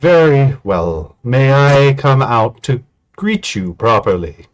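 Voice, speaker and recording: A man voicing an ancient, sleepy god in a tabletop game, speaking in a slow, archaic, imperious manner. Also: medium pitch, big pitch swings, lo-fi sound, faint music behind. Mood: calm, courteous. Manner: slow, drawn-out archaic speech.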